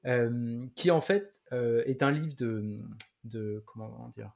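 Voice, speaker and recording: Homme hésitant, podcast tech décontracté. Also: male voice, mid-range voice, takes it slowly, vocal fry, darkish tone. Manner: hesitant, many fillers and restarts. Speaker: podcast co-host. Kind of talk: casual chat.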